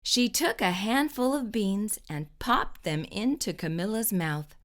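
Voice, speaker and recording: A woman narrating a children's storybook expressively, with deliberate, dramatic pauses. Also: medium pitch, very animated. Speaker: children's storytime host reading aloud.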